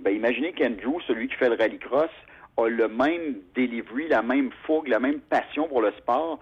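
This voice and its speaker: A man's voice: medium pitch, normal speed, breathy edge, lo-fi sound. A man from Quebec with a Québécois French accent, a motorsport announcer telling stories in a radio interview, full of fillers and restarts. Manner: chatty, animated storyteller with frequent fillers.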